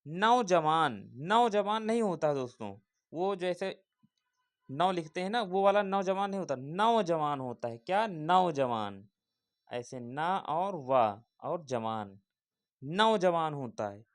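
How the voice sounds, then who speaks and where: A man's voice: a little high, lively intonation, slow pace. A man teaching an exam-prep spelling lesson, repeating each word and asking viewers questions.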